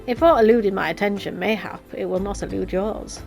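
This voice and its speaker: A woman voicing a composed, formal female investigator, reading fantasy game dialogue in a measured manner. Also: mid-range voice, gravelly, music in the background, natural voice. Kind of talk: video game dialogue read aloud.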